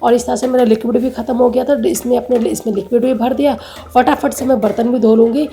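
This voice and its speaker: A woman's voice: on the high side, steady tone, quick pace, creaky, dark tone, reverberant. A woman chatting casually through a home vlog with a rambling, homely way of giving advice. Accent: Hindi, north Indian. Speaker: vlogger. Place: home kitchen.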